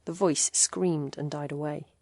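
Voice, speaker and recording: A woman reading an audiobook in a slow, measured, dramatic narration. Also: sits low, steady tone, creaky, a little mellow, no echo. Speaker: audiobook reader. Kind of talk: scripted narration.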